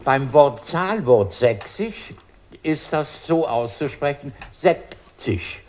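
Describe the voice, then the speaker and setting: A man's voice: on the high side, slow. Older man telling anecdotes. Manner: lively storyteller, chuckles often, many fillers. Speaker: musician guest.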